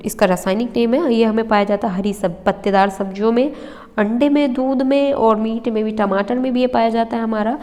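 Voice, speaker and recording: The speaker is a young woman with a slightly high, slightly mellow voice, giving an exam-prep lesson over handwritten notes. She explains step by step, checks in with her listeners, and coughs slightly from time to time, with long reverb in a roomy recording.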